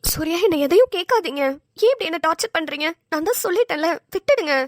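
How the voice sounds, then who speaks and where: A young woman in a cartoon pleads through tears, begging to be left alone, voiced by a woman. The voice is very high-pitched. It is recorded close and dry. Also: animated, fast, no echo. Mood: tearful. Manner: pleading, tearful. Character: tearful young woman pushing a suitor away. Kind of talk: cartoon voice acting.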